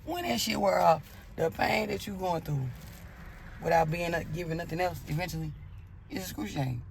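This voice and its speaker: A woman's voice: on the low side, moderate pace, vocal fry, a little hiss or hum. A woman telling a personal story in a blunt, profane way, acting out her own angry outbursts as she goes.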